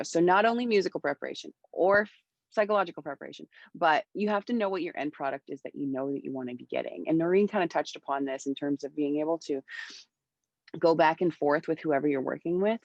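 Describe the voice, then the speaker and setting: A woman in her thirties, a music mentor, gives advice on recording during a panel talk held over a video call, speaking energetically and gesturing a lot with her hands. She's in a home room with a bright wall, using wireless earbuds as her mic. Her deep, slightly mellow voice comes through lo-fi with no room sound.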